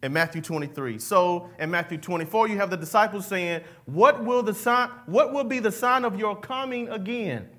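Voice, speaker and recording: High, bright-voiced preacher. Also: male voice, moderate pace, few pauses. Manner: call-and-response preaching, folksy asides. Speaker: pastor. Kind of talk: sermon.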